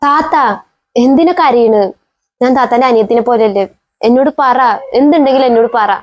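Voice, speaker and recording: A woman acting a gentle young sister-in-law in a family skit, asking concerned, coaxing questions. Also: a little high, fairly quick, no room sound, natural voice.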